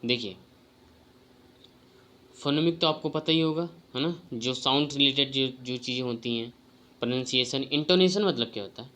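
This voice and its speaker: Male tutor, exam-prep lecture, bright, forceful tone, asks and answers his own questions. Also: medium pitch, normal speed, pauses often.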